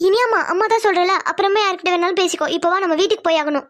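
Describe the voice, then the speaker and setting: A woman's voice: very high voice, rapid-fire, fairly bright tone, no echo. Woman voicing a frantic, fearful cartoon mother. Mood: urging. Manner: pleading, insistent. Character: anxious middle-aged mother hiding her past. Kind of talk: cartoon voice acting.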